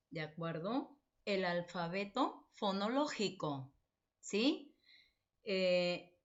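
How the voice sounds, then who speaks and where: A woman teacher giving a recorded phonology lecture, who keeps asking and answering her own questions and checks in often with her listeners. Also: mid-range voice. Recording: dull lo-fi recording.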